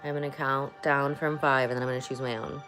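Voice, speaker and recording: A woman's voice: rumbling low, little pitch movement, fast. A woman talking casually and candidly as a beauty vlogger, muttering little reassurances to herself as she gets ready. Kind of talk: casual get-ready-with-me chat. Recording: music playing behind the voice.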